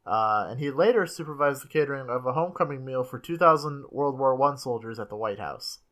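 A podcast host in casual comedic chat, talking fast, swearing freely and jumping into silly voices. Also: mid-range voice, animated, fairly bright tone.

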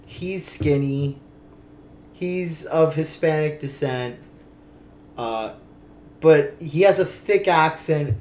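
A man's voice: a little high, takes it slowly, long pauses, darkish tone, highs cut off. A man in his twenties from Miami, a guest on the show, describing someone casually in a loose, rambling way and laughing often. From Miami, Florida. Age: 20s. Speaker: guest, host's roommate.

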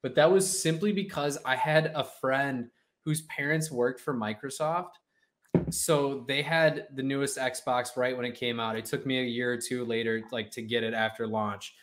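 A man in his mid twenties talks casually as a podcast co-host. He speaks in halting bursts and fills gaps with "like.". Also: medium pitch, steady tone, a bit bright. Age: 20s. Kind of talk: casual chat.

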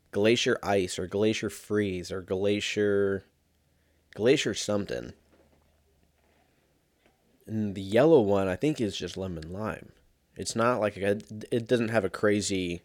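Sounding worn out after a sick night, this thirty-something man hosts a solo podcast in a casual, rambling way, swearing and laughing often. His voice sits on the low side with a darkish tone, captured dry and at studio quality.

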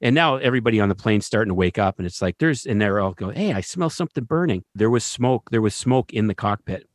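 Animated male storyteller, dry sound. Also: fairly low pitch, fast, dry recording. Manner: animated, keeps asking "right?". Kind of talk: casual storytelling.

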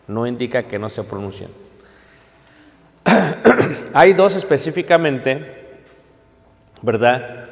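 Guy teaching a class, takes it slow, keeps checking everyone's following, big hall echo. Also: medium pitch. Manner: explains step by step, checks in with listeners. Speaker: teacher of biblical Hebrew. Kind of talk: classroom lecture. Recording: long hall reverb.

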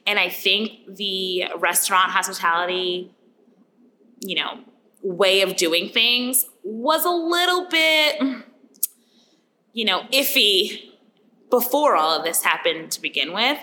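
Bright-voiced chatty woman, casual. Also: mid-range voice, expressive, slow, long pauses, a little hiss or hum, rough recording. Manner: chatty, heavy use of "like". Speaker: restaurant marketing and events manager. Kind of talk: casual podcast chat.

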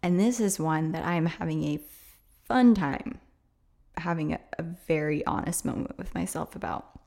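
A woman with vocal fry from a sore throat, slightly losing her voice, speaking candidly and hesitantly as a solo podcast host. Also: low-pitched, moderate pace, darkish tone. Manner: hesitant, confessional, conversational.

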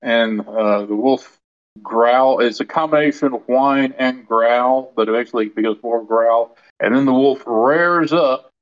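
A man's voice: mid-range voice, unhurried, highs cut off. A man narrating as game master, rambling with frequent ums and restarts.

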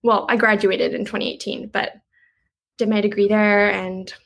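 A young woman talking casually about her music in an interview, chatty and quick to laugh, with lots of "like" in her speech. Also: medium pitch, flat delivery, creaky, low-quality recording. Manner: chatty, uses "like" a lot, laughs easily. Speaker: guest musician.

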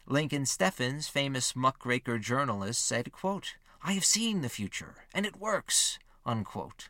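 A man giving scripted narration for a history podcast, measured and steady, reading quotes with lifted emphasis. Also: medium pitch, vocal fry, no echo.

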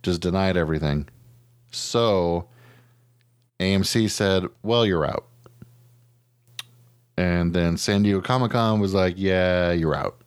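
Speaking low and slow with long pauses, a middle-aged American man co-hosts a laid-back podcast. His tone is clean, the studio sound clean and echo-free, and his storytelling is blunt, foul-mouthed and lively, packed with imitated quotes.

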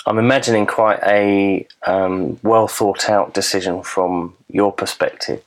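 A man hosting a conversational interview in a wooden garden cabin, with slightly halting phrasing. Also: on the low side, steady tone. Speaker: podcast host and interviewer.

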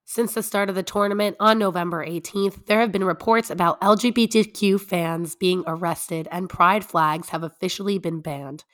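A young woman co-hosting a conversational podcast, with a hoarse, raspy voice that is nearly lost from a cold. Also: lowish voice, moderate pace, few pauses, fairly bright tone. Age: young adult. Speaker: podcast co-host.

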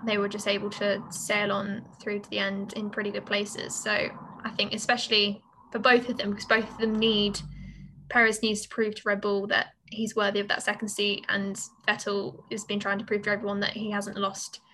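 A woman co-hosting a chatty podcast, her voice bright and fairly even in pitch. She talks in an opinionated, easygoing way and laughs often. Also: slight background noise, poor audio. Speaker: podcast co-host. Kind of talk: casual chat.

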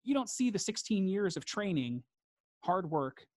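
A man's voice: sits high, sing-song, measured pace, darkish tone, no echo, clean studio sound. A man, a guest in a reflective interview, talking earnestly and repeating phrases for emphasis.

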